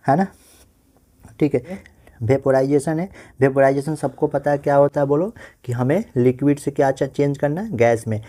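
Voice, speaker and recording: A man with an Indian accent teaching a physics lesson online, asking his students questions and answering them himself, speaking slowly on purpose. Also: a little high, dark tone. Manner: says he talks slowly on purpose. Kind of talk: online class lecture.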